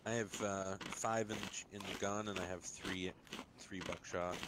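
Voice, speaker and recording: A man's voice: deep voice, steady tone, moderate pace, noisy background. A man chatting casually during a co-op game, laid-back with short remarks and the odd curse. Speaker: gamer.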